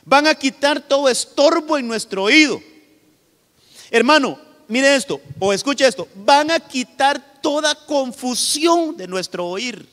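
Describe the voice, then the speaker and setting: High-voiced pastor preaching in a reverberant hall. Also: male voice, expressive, unhurried, a bit bright. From Honduras. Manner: emphatic preaching, often addressing the listener as "hermano". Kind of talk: sermon. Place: church hall.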